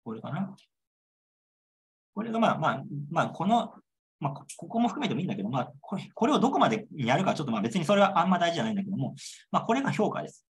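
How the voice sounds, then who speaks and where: A man's voice: fairly high pitch, very animated, racing. A young man lecturing on a model exam answer, repeating key points and checking understanding with rhetorical questions.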